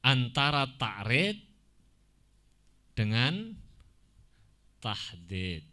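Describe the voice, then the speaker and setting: A man teaching an Arabic grammar lesson, explaining slowly, chanting Quranic examples and slipping into asides. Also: medium pitch, big pitch swings, pushed and bright. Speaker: religious teacher.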